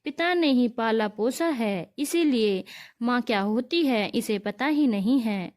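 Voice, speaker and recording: A woman voicing a patient, loving mother-in-law who speaks softly to her son and daughter-in-law. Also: fairly high pitch, lively intonation, slow. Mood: gentle. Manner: soft, loving, soothing.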